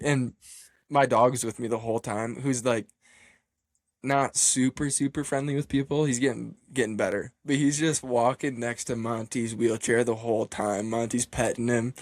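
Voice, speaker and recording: A man's voice: mid-range voice, no room sound. Laughing man telling a story, dry sound. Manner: animated, swears freely, laughs often, acts out quoted lines. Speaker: running team member telling a story. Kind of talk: casual podcast storytelling.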